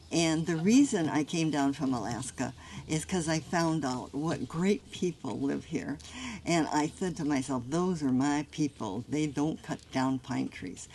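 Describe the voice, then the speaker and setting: An older woman with a notably low voice gives a thank-you speech outdoors, pausing often with fillers. Faint outdoor noise sits behind her. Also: darkish tone. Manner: halting, with many fillers. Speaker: guest of honor. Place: outdoor county park.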